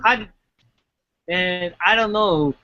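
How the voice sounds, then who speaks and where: A man's voice: high voice, takes it slowly, bright, forceful tone, no echo, highs cut off. A man in a casual podcast chat, blunt and swearing freely.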